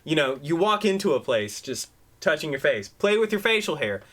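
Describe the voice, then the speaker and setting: This man co-hosts a loose, casual podcast, talking in a bright, somewhat high voice. He rambles, swears freely, and acts out his points as he goes. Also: sing-song, normal speed. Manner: profane, rambling, demonstrative. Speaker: podcast co-host. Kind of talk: casual chat. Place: room at home. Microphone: desk microphone.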